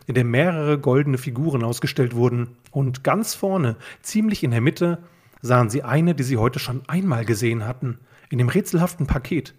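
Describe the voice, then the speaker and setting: Husky male audiobook narrator. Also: medium pitch. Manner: steady, plain narration. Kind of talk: audiobook reading of fan fiction.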